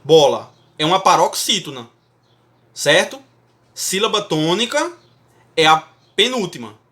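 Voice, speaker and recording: A man teaches Portuguese grammar in a classroom-style lecture, his pitch swinging widely as he stresses syllables. His voice has a bright, forceful edge. He talks emphatically and keeps checking in with the class. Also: big pitch swings, a little slow.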